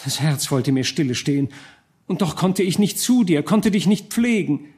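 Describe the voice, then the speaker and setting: A man's voice: a little high, lively intonation, moderate pace, darkish tone, pitched above the performer's own voice, lightly acted. A man doing a tearful young noblewoman. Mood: anxious, pleading. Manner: raised, pleading emotional voice. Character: young noblewoman, loving, hurt, easily tearful. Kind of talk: audiobook character voice.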